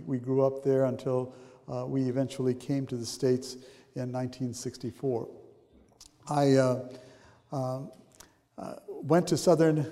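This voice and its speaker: An older pastor from Sri Lanka preaching in a church, rambling with many fillers and restarts. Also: male voice, medium pitch, dark tone. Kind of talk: sermon. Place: church sanctuary. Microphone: handheld mic. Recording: long hall reverb.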